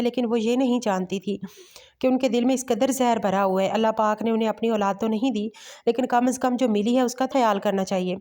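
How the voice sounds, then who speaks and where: A woman storyteller narrating a romantic novel in steady bedtime-story reading. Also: on the high side.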